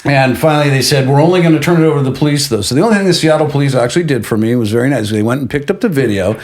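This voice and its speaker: Guesting on an interview podcast, this middle-aged man tells a story from his own life with casual animation, voicing the words of others as he quotes them. He speaks in a mid-range voice at a racing pace.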